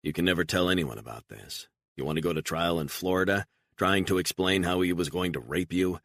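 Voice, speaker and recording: A man voicing a hardened operative who speaks calmly and firmly. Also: low voice, fairly quick, gravelly, no echo, clean studio sound. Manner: calm, firm. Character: calm, hardened male operative.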